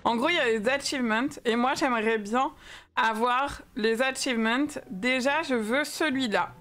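Young French woman streamer, high voice, loose chatty delivery greeting viewers. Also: normal speed, a bit bright. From France. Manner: chatty, greets viewers by name, many fillers. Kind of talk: casual live-stream chat.

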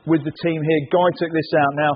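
Male presenter, West Country English accent, quick and husky, chatty and keen, muffled sound in a big warehouse. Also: a little high, flat delivery. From Somerset, West Country England. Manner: enthusiastic, chatty. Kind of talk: casual car auction preview chat. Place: large indoor car warehouse. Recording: muffled, echoing large hall.

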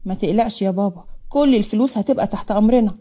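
A woman's voice: medium pitch, very fast, warm tone, pitched below the performer's own voice, lightly acted. Ziad, a woman voicing a smug young Egyptian man.

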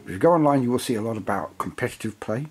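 A tired man with a mid-range, darkish voice talks very fast with lively intonation, hosting a hobby channel and casually reviewing a game book. He rambles and digresses freely, even calling himself a waffler.

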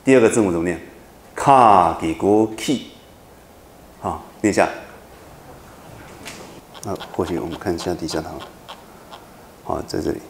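A man's voice: low-pitched, fairly quick, gravelly, long pauses, darkish tone, roomy sound, slight background noise. A man lecturing a university class, explaining patiently and often checking whether students follow. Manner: patient, repetitive explaining with frequent checking questions.

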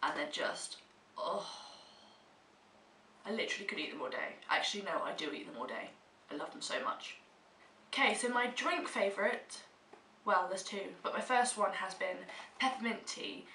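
Sitting in a small room at home, a young British vlogger with a stuffy cold gives a casual, emphatic monthly favourites chat to camera. She speaks at a moderate pace, animated, with a medium-pitched, sharp voice. Faint hiss, roomy echo and a distant mic mark the recording.

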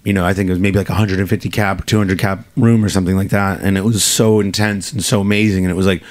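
A man with a low, husky voice, hoarse and worn out from weeks of gigs. He rambles loosely as a guest in a radio studio, restarting his sentences and padding them with fillers. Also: level tone, fast. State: hoarse, tired voice after touring. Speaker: guest musician, band frontman. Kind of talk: casual interview chat.

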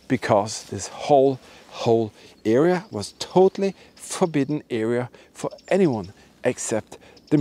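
This history-exploring host has a medium-pitched, slightly mellow voice. He narrates to the camera while walking a forest with ruined buildings, enthusiastic and emphatic and prone to repeating words.

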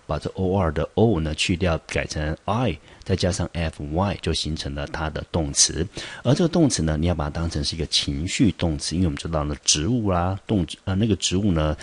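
A man's voice: sits low, husky. A man with a Taiwanese Mandarin accent teaching English vocabulary, explaining patiently with many fillers and "right?" checks. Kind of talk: vocabulary lesson.

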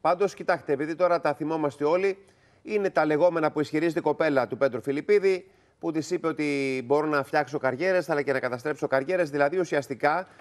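A man hosting a TV news panel, recapping a court case and handing questions to his co-hosts. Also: on the high side. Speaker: TV news show host. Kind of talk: studio news discussion.

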